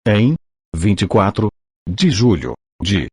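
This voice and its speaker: A synthesized male voice, like an old speech synthesizer, reading a formal audiobook in a mechanical, stilted and measured way. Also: lowish voice, very animated, husky, no room sound, studio quality.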